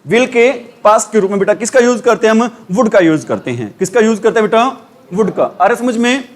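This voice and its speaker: A high-pitched man with a Hindi accent runs a classroom grammar lesson. He asks the same question again and again and answers it himself. He calls the students "beta". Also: lively intonation, a little fast. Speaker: English teacher.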